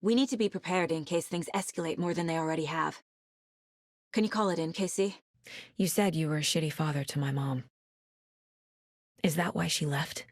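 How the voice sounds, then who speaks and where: Here the game's determined female detective speaks her lines at a moderate pace, pausing often, her low, husky voice dry and close-miked without any room tone. She sounds thoughtful and focused, inward-looking and quietly natural.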